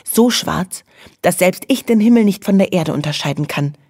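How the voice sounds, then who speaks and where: A woman voicing a fearless, bossy young female dormouse who gives brisk, conspiratorial commands. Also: on the low side, lively intonation, dark tone, husky, dry recording, clean studio sound.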